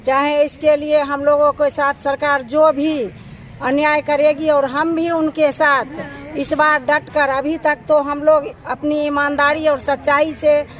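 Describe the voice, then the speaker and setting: A woman's voice: high voice, little pitch movement, measured pace. A woman from Bihar speaking firmly for striking anganwadi workers at an outdoor protest. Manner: firm, resolute. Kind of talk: protest speech.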